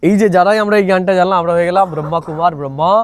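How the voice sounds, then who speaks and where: A man's voice: high voice, rapid-fire, dry recording, studio quality. A man teaching a spiritual class, coaxing listeners again and again to speak up and answer. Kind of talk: leading a spiritual class with questions.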